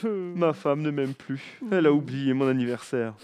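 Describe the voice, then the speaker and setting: A man voicing an excitable, emotional father in a storybook reading, exclaiming with a lively voice. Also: mid-range voice, normal speed, clean tone, close to an everyday voice. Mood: sad.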